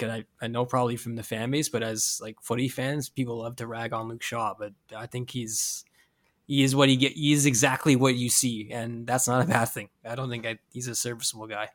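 An easygoing man on a football podcast, speaking at a middle pitch in loose, slangy conversation. He agrees readily and talks his views out casually. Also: fairly bright tone. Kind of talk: casual sports chat.

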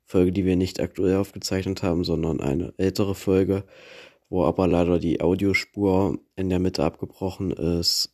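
A young podcast host with a very low voice reads out a short announcement to his listeners. His tone is dark and mellow, and he halts often on fillers as he goes. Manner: hesitant, many fillers. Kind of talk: spoken announcement.

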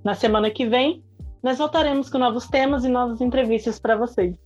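Woman host, somewhat high voice, polite measured delivery, dull lo-fi sound with music under it. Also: steady tone, a little mellow. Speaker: radio program host. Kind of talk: scripted host wrap-up.

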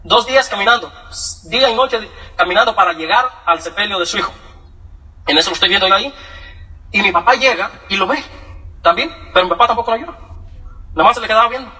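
A man with a very high, bright voice tells his life story at a fast clip. He is animated, slips into other people's voices and laughs a lot. The mic sits some way off, so he sounds a little distant. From Michoacán, Mexico. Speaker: testimony speaker. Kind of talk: personal testimonial storytelling.

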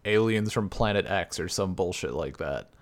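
A man's voice: deep voice, expressive, normal speed. A man co-hosting a casual chat about films, laid-back and grumbling, sometimes dropping to a mutter. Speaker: podcast co-host.

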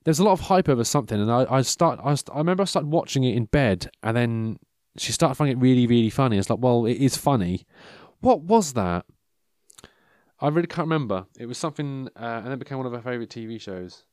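This one's a fast talker of medium pitch, expressive with a darkish tone, recorded without echo. In his mid-thirties, he rambles casually, interrupting himself and losing track of his thoughts while mocking himself with dry humour.

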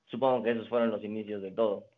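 A young man from Mexico, a guest in a casual interview, telling his story in a relaxed way with many restarts. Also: fairly low pitch, racing. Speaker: guest, card designer and magician. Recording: phone-like narrow band.

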